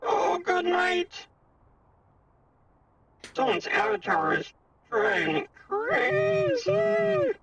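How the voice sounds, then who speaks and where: A man's voice: extremely high pitch, huge pitch swings, extremely slow, creaky, pauses often, a bit bright, distant mic, a little hiss or hum, pitched above the performer's own voice, exaggerated voice. A man live-streaming in VR, talking through a synth robot voice changer, chatting casually with viewers while juggling his setup.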